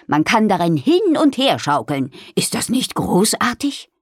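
A woman's voice: mid-range voice, very animated, a little slow, no echo, clean studio sound. A woman voicing an enthusiastic female wild boar inventor in a storybook reading. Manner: eager and enthusiastic.

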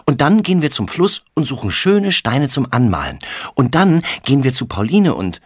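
A man's voice: mid-range voice, sing-song, normal speed, breathy edge, dry recording, studio quality, voice pushed up. A man voicing a chatty, eager little girl in a children's audiobook, rattling off plans breathlessly.

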